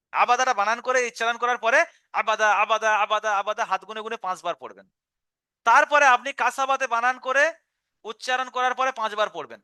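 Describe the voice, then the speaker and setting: A man's voice: extremely high pitch, pushed and bright, clean tone, dry recording, clean studio sound. A male Quran reading teacher giving a live online lesson, patiently explaining step by step and sounding out syllables aloud. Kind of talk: live online class instruction.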